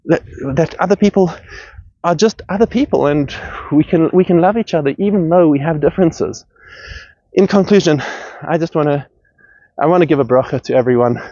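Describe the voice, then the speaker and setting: A man's voice: fairly high pitch, fairly quick, mellow, dry recording. A man delivering a heated, earnest monologue as podcast host, often restarting and repeating words as he gets worked up. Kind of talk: impassioned monologue. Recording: dull, lo-fi sound.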